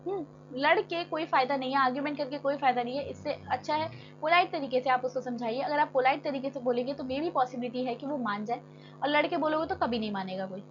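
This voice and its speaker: A woman teacher giving a classroom lecture. She reads textbook lines slowly in English, then explains them in casual Hindi. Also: high-pitched, lo-fi sound, a little hiss or hum.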